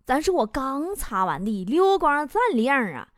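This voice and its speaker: A woman's voice: sits high, very animated, a little slow, no room sound, clean studio sound. A young woman, hosting a comic storytelling monologue in a brash, teasing way. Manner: brash, teasing, bursts into shouting. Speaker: talk show host. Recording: loud background noise.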